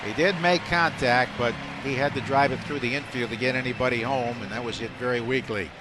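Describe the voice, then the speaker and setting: A man with a mid-range, fairly quick voice does live radio play-by-play of a baseball game from a broadcast booth at an outdoor ballpark. A crowd can be heard, and the steady stadium ambience runs throughout.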